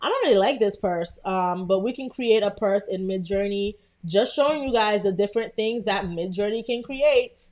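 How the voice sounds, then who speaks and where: Greeting viewers at the start of a laid-back live design tutorial, a Brooklyn-accented young woman from Brooklyn, New York, talks at a moderate pace with hardly any pauses. Her mid-range voice has a darkish tone, and she chats with lots of fillers.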